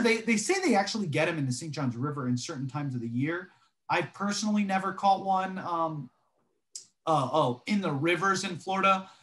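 A young man co-hosting a podcast over a video call, telling fishing stories in a relaxed way with many fillers. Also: on the high side. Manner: relaxed storytelling with frequent fillers. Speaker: podcast co-host. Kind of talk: casual chat.

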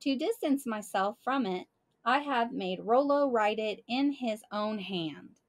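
Slow, deliberate woman reading aloud. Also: on the high side, lively intonation. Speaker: storyteller. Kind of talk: reading a children's book aloud.

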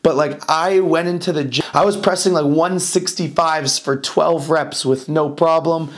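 A man's voice: on the high side, steady tone, measured pace. A young man talking casually to camera as a fitness vlogger, blunt and swearing often, with lots of fillers.

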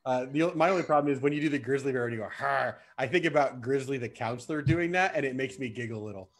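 A man's voice: medium pitch, very fast. A man hosting a camp live stream in a playful, chatty, joking way. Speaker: camp staff host. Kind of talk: casual live-stream chat.

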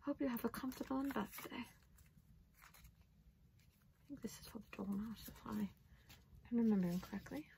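A scatterbrained, self-pleased Mad Hatter, acted by a woman for an ASMR roleplay. The voice sits fairly high and stays soft and playful, often sinking to a secretive whisper. The recording is clearly noisy, with paper rustle and small clicks. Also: normal speed, pauses often. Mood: hushed, whimsical. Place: indoors at a craft table.

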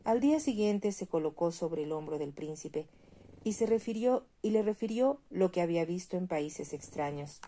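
A woman reads a fairy tale aloud as storyteller. Her voice is low and mellow, her pacing calm and measured. The delivery stays even and unhurried.

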